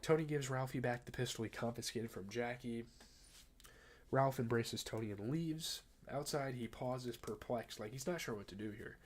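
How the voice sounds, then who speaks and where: A man's voice: mid-range voice, moderate pace. A young man, a little under the weather, recapping a TV episode in a loose, chatty way with lots of fillers, reading plot summary and then riffing on it. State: a little sick. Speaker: TV show reviewer.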